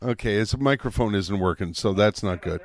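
A man hosting a radio show from a studio, chatting in a lively way, laughing often and dropping in French phrases. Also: fairly low pitch, normal speed. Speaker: radio host. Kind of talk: casual radio chat. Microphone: studio microphone with headphones.

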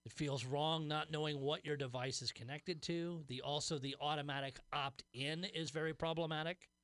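A man's voice: fairly high pitch, steady tone, normal speed, a bit bright, no room sound. Wry man reading tech news on radio. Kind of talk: reading and discussing news stories on talk radio.

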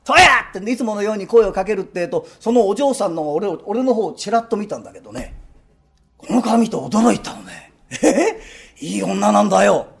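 A man performs a comic rakugo tale in a fairly high voice. His delivery is brash and rough, like everyday street talk. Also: very animated, fast, warm tone. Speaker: rakugo storyteller. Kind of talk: rakugo storytelling.

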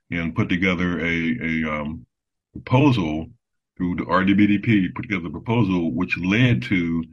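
A man talking as an interview guest, speaking haltingly with many fillers and restarts. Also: sits low. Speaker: business development guest. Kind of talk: casual interview talk. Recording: dull lo-fi sound.

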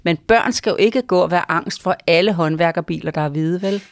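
A woman's voice: fairly low pitch, dry recording, clean studio sound. A woman giving parenting advice on a call-in show, talking in long reassuring run-ons that keep checking in with the listener. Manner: rambling, reassuring, frequent tag questions. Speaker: parenting advisor.

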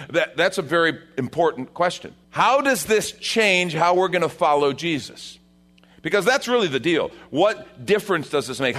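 A man, the senior pastor of a church, preaching a sermon at a pulpit microphone in a conversational way, rising for emphasis and dropping low for quieter points.

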